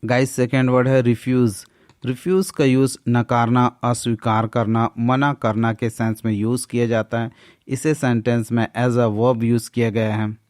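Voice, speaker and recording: Indian man teaching English vocabulary, slow and deliberate, flat delivery, dry close sound. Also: mid-range voice, no room sound. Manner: slow, deliberate reading pace. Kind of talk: scripted vocabulary lesson.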